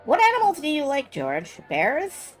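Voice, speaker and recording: A woman's voice: high voice, huge pitch swings, a little slow, soft background music. A woman giving casual live commentary as she streams a video game.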